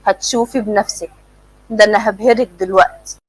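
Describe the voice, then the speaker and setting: A woman's voice: medium pitch, steady tone, fairly quick, no echo, natural voice, rough recording. A gloating mad inventor, as a woman puts him on. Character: mad inventor man, bitter old schoolmate.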